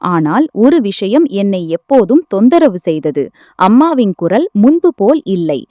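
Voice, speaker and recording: A woman tells an emotional first-person family story in a steady, scripted narration. Her voice is warm and dark in tone, and her pitch moves widely through each sentence. The recording is close and dry, with no room sound. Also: measured pace, no echo.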